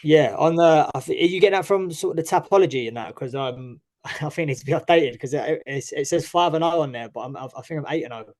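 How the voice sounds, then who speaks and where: A young mixed martial arts fighter from East London speaks as an interview guest with an East London English accent. His voice is a little high and slightly mellow, quick with few pauses, and his casual, chatty talk is full of restarts, fillers, and "obviously".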